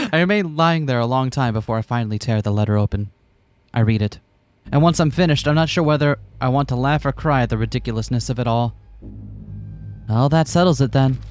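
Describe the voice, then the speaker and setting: A man's voice: mid-range voice, very animated, moderate pace. A man co-hosting a let's play, switching between casual commentary and reading a visual novel aloud with playful, theatrical asides.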